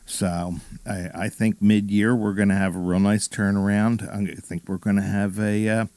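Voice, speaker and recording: A man's voice: fairly low pitch, flat delivery, normal speed, darkish tone, no echo. A man on a radio talk show as a mortgage guest, giving short agreeable replies. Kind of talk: casual talk radio chat.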